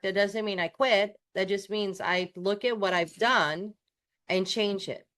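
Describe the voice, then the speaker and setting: A New York woman co-hosts a coaching podcast, chatting candidly and self-deprecatingly with frequent restarts. Her voice is medium-pitched and fairly bright.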